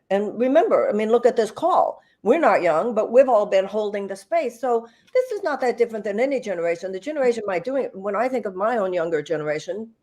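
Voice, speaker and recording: Over a video call, an older American woman appears as a guest on an online panel, speaking earnestly and reflectively. Her voice is medium-pitched with a darkish tone, and she uses plenty of fillers and restarts.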